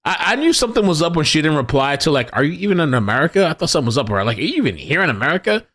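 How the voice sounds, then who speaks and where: A young man hosting a casual livestream, mocking commenters in a profane, animated rant. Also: a little high, very fast. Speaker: livestream host.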